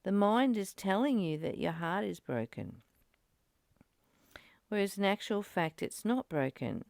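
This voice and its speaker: A woman hosting a study group reads aloud and comments in a reflective spiritual discussion, speaking earnestly and often repeating phrases. Her medium-pitched voice is animated, a little slow, creaky and darkish in tone. The recording is dry and of studio quality.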